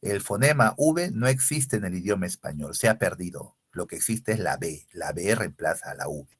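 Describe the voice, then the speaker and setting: Man lecturing on language, pitch jumps all over, keeps asking "right?". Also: moderate pace, husky. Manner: explanatory, animated, asks rhetorical questions. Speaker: language teacher. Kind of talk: recorded lecture.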